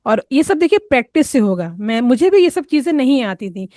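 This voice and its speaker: Woman w teaching tajweed, patient step by step, kinda high voice, dry close sound. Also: very animated, mellow, no room sound. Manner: patient, explains step by step and models sounds slowly; mixes English words into her teaching. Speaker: Quran recitation teacher. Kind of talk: tajweed pronunciation lesson.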